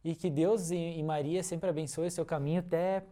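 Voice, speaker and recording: A woman's voice: fairly low pitch, fairly even intonation, fairly quick, dark tone. A woman co-hosting a casual chat show, playful and teasing, often breaking into laughter. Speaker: co-host.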